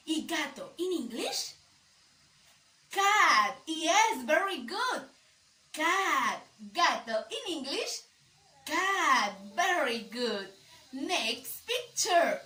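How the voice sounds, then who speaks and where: A woman teaching young children in a bright, high voice that swoops all over as she stretches each word slowly. Her manner is a sing-song for little ones. She sounds far from the mic, with a roomy echo around her. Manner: sing-song, exaggerated slow speech for small children. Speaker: preschool English teacher.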